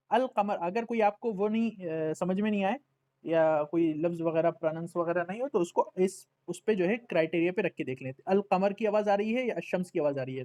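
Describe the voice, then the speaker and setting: A man's voice: high voice, dark tone. A man teaching Arabic letters in an online lesson, patiently repeating words and checking that his students follow.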